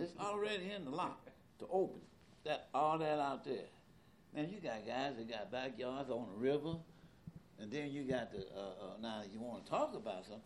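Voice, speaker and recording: A man in his seventies in a casual conversation as an interviewee, animated and repetitive, with loose colloquial speech. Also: medium pitch, a little hiss or hum. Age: 70s. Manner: animated, repeats words, loose colloquial grammar.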